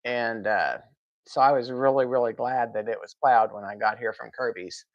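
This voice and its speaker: A woman's voice: extremely low pitch, moderate pace, highs cut off. A woman hosting a casual live stream from home, rambling, laughing and answering viewer comments.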